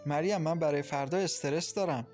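A man's voice: a little high, a little mellow, faint music behind, natural voice. A man voicing a bold young bride-to-be. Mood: earnest. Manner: earnest, playful. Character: bold young woman, bride-to-be, anxious but playful. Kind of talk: audiobook character voice.

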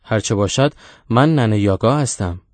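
Play a crude ancient witch woman from a storybook, shrill and screeching, sneering at everyone, as a man reading it. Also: no room sound, close to an everyday voice. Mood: proud.

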